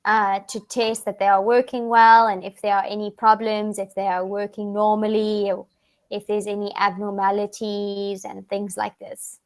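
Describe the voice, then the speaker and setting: During a casual online conversation lesson, a young South African tutor speaks in a clean, flat, mid-range voice. Friendly in manner, she explains slowly on the video call, frequently restarting and filling gaps.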